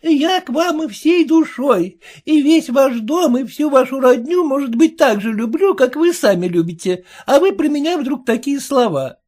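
A woman's voice: high-pitched, lively intonation, moderate pace, hardly any pauses, darkish tone, voice pushed up. A woman voicing a fawning, chatty middle-aged peddler woman in an audiobook, with a wheedling sing-song manner. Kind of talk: audiobook reading.

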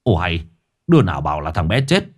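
A blunt older village elder who barks orders and scolds the crowd, as a male narrator acts him out. His low, gruff voice swings up sharply when he shouts. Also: sing-song, fast, heavily acted.

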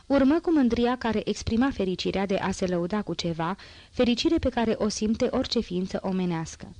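A woman's voice: mid-range voice, darkish tone, no echo. Woman reading a novel aloud, dry sound. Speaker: audiobook narrator. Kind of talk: literary audiobook narration.

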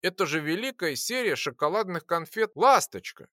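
A narrator voicing a calm, ironic male alchemist who lectures patiently in an audiobook. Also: high voice, normal speed, no echo, clean studio sound, voice pushed up. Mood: wry. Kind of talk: audiobook character voice.

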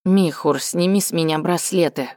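A woman's voice: fairly low pitch, normal speed, a little mellow, no echo, clean studio sound, natural voice. Woman doing a distraught captive cat-queen. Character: proud captive cat-folk queen mother, middle-aged.

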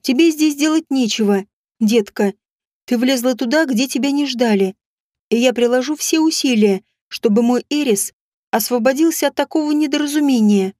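A woman voicing a jealous, vicious non-human bride who snarls and shouts with scorn. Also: high-pitched, moderate pace, no room sound, studio quality, natural voice. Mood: menacing. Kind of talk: audiobook character voice.

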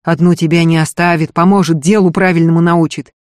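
A man's voice: a little high, level tone, brisk, no room sound, clean studio sound, lightly acted. A man reading aloud as a cheeky young male thief who talks in coaxing street slang. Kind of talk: audiobook reading.

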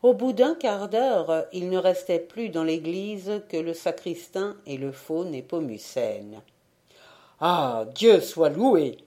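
A woman reading a classic tale aloud as an audiobook narrator, measured and expressive. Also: lowish voice. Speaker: audiobook reader. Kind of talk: storybook narration.

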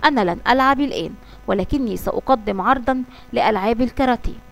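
Casting: woman doing a stubborn boasting boy, fairly high voice, loud karate shouts. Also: fast, gravelly, soft background music. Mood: boastful.

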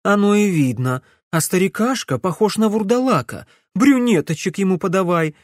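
A man's voice: high voice, animated, moderate pace, dry recording, studio quality, pitched above the performer's own voice. A man voicing a hot-tempered young sorceress in an audiobook, indignant and sputtering.

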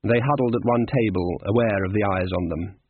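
A man's voice: fairly low pitch, fairly quick, husky, no room sound. A man narrating a comic fantasy audiobook with a dry, wry delivery. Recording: dry, tinny phone-like sound.

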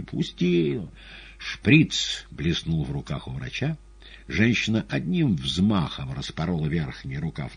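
A male audiobook narrator reading a novel in a dramatic, expressive way. His voice is low and husky, with lively, wide-ranging intonation.

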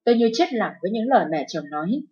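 A woman narrating a dramatic first-person story in a steady, emotive storytelling voice. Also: mid-range voice, quick pace, husky. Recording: dull lo-fi with faint music.

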